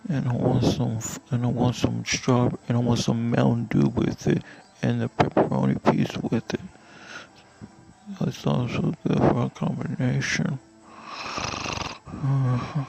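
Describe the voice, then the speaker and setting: A man talking in his sleep, mumbling drowsily in broken, repetitive fragments with a gravelly voice. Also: mid-range voice, measured pace, poor audio. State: asleep.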